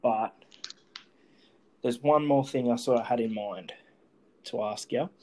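A man's voice: medium pitch, a little slow, dark tone, a little hiss or hum. An Australian man hosting a podcast, chatting casually as a sports fan. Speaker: podcast host.

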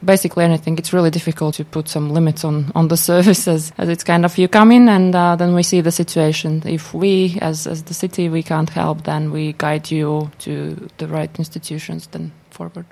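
Lower-voiced woman with a Latvian accent. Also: flat delivery, moderate pace, creaky, few pauses, a little mellow. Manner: hesitant, often repeats words. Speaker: interview guest, business consultant for entrepreneurs. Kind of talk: spontaneous interview answers.

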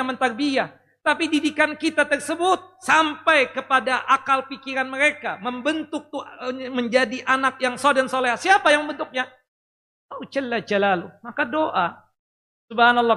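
A man preaching to his congregation in a lively voice, firing questions at the listeners and cracking small jokes. His tone is bright and forceful. The sound carries a long hall reverb. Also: very high voice. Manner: lively, talks directly to the audience, jokes and asks questions. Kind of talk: Islamic sermon.

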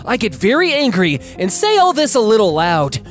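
Animated storytelling voice reading reddit-type stories, faint music underneath. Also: mid-range voice, moderate pace. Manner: lively storytelling with commentary. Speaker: story reader. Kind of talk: reading internet stories aloud.

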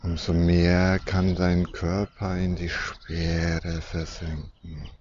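A man guiding a deep relaxation and sleep journey in a soft, soothing, hypnotic manner with long pauses. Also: completely flat delivery. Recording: dull muffled recording with background noise.

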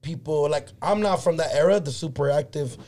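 Animated man, slangy. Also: on the high side, a little fast. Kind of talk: casual chat.

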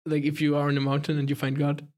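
A man hosting a podcast, asking questions in a casual, hesitant way with frequent pauses and restarts. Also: a little high, completely flat delivery, a little mellow. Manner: hesitant, many fillers and restarts. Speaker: podcast host. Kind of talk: casual interview.

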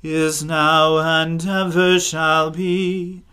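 Church cantor chanting prayers super slow n even, really smooth clear tone, faint music. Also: mid-range voice. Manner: solemn, measured, monotone intoning. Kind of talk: slow sung liturgical chant at evensong.

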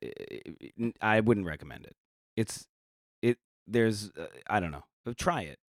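A man talking candidly as a podcast guest, reflective and halting, with many restarts. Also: on the low side, expressive, dry recording, clean studio sound. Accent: American. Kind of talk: candid casual conversation.

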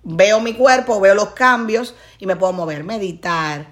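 A woman with a Dominican accent, a podcast guest giving animated, preachy advice straight to listeners. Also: mid-range voice, measured pace. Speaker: guest speaker on leadership and wellbeing. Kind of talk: podcast conversation.

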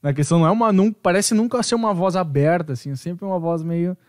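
A man's voice: high voice, fast talker, a little mellow, dry recording, studio quality. A man chatting casually on a podcast, with loose talk full of fillers.

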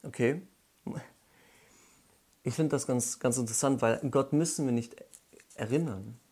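A man giving a devotional Bible talk, explaining slowly with pauses and correcting himself as he goes. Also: medium pitch, warm tone, breathy edge. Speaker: Bible teacher.

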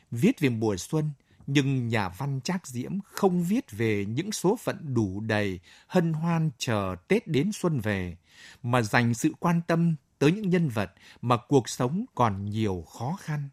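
A man presenting scripted literary commentary on the radio in a measured, formal manner. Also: mid-range voice, very animated, darkish tone, no echo, studio quality. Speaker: radio literary show host.

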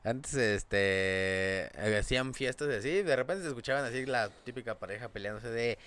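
A man's voice: mid-range voice, moderate pace, fairly bright tone, slight background noise. A young man with a Mexican accent, co-hosting a casual comedic chat, telling rambling slang-filled stories and laughing often. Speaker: podcast co-host.

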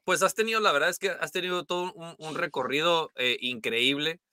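A man hosting a podcast, relaxed and slangy as he chats and asks questions. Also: a little high, a little fast. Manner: laid-back, slangy. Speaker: podcast host. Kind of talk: casual podcast chat.

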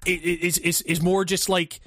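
High-voiced, profane rambling man. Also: little pitch movement, normal speed, a bit bright, dry recording. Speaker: podcast co-host. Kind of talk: casual chat.

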